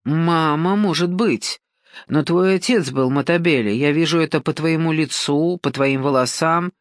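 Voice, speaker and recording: A woman reading an audiobook and voicing a sly, domineering older African man who talks slowly and patronizingly. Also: sits low, no room sound, clean studio sound, close to an everyday voice. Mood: coaxing, sly. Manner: slow, coaxing, patronizing, keeps saying "son".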